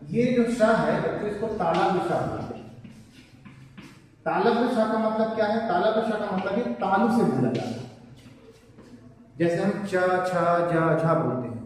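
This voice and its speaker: High-voiced male teacher in echoey room. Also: darkish tone, recorded from a distance, a little hiss or hum. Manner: explains step by step, asks and answers his own questions. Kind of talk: classroom lesson on Hindi pronunciation.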